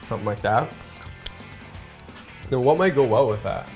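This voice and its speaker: A man with a mid-pitched voice hosts a casual cooking show, upbeat and chatty as he talks viewers through each step. Faint music and the sizzle of frying sit quietly behind him. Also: lively intonation, normal speed. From Minnesota. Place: garage kitchen. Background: faint background music and frying.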